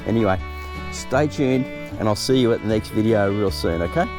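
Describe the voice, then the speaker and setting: A man's voice: lowish voice, expressive, moderate pace, music in the background. A man hosts a gardening vlog, chatting in an easygoing, upbeat way while outdoors in his vegetable garden. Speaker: gardening channel host. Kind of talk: casual vlog chat.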